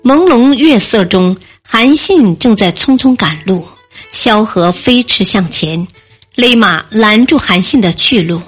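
Slow woman storyteller. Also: mid-range voice, expressive, husky, soft background music. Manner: slow and deliberate. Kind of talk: scripted narration of a classical history story.

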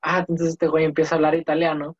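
A young Mexican man chats casually, rambling through animated, slangy stories that wander off on tangents. His voice is a little high and rapid-fire, with no echo, in dry, slightly dull lo-fi audio.

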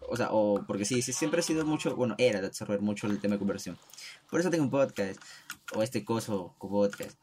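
A man's voice: lowish voice, expressive, fast talker, a little mellow, slight background noise. A young man hosting his own podcast, rambling casually about his routine, with lots of restarts, swearing and self-deprecating jokes, speaking from the throat. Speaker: podcast host.

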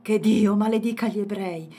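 A woman voicing an angry old village patriarch who roars and curses in loud outbursts in a storybook reading. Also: medium pitch, moderate pace, slightly rough, voice pushed up, lightly acted. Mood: furious. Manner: roaring, cursing outbursts.

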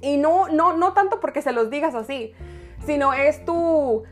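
A woman's voice: high-pitched, unhurried, soft background music. A woman giving relationship advice in a playful, chatty manner, often laughing and restarting her sentences. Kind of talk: casual advice talk.

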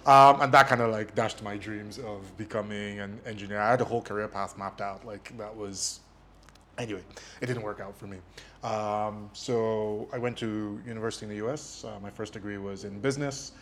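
Nigerian guy, ijesha first language, low voice, rambles w lots of ums, kinda self-deprecating. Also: steady tone, fairly quick, a bit bright, slight background noise. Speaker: guest, media company CEO. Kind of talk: casual interview.

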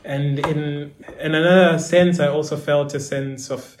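A man in his thirties speaks slowly and hesitantly, weighing each word. The room sounds echoey, and a faint noise sits behind him. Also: fairly high pitch, fairly even intonation. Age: 30s. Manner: hesitant, thoughtful. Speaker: guest. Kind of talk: podcast conversation.

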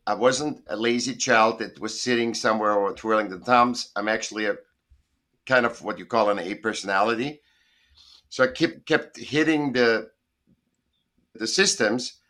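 An Austrian guest artist, a middle-aged man, joins a video call from his Southern California home for a casual interview. His mid-range voice sounds pushed and bright as he rambles emphatically, often correcting himself.

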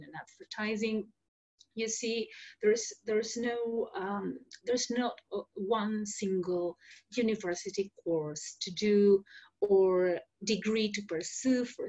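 A woman in her thirties from Argentina, a native Spanish speaker, hosts a solo podcast at medium pitch. She explains things earnestly, using fillers and restarting sentences, and the audio sounds dull.

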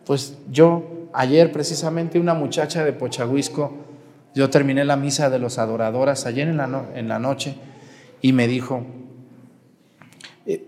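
Mexican priest preaching in a reverberant church. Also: male voice, mid-range voice, steady tone, normal speed, a little mellow. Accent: Mexican Spanish. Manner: conversational preaching with questions to the congregation. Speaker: parish priest. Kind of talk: sermon.

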